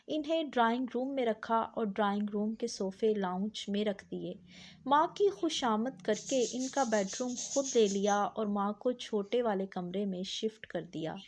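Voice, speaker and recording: A woman narrating a scripted family story in a steady, even reading voice. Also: a little high.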